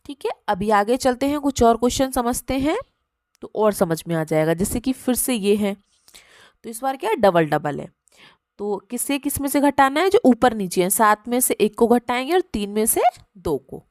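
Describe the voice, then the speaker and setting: A woman with a fairly high voice teaches young children basic sums. She counts aloud step by step in a patient, coaxing way. Her voice is recorded close and dry, with no room sound. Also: big pitch swings, normal speed, a little mellow, no echo. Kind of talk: primary maths lesson for children.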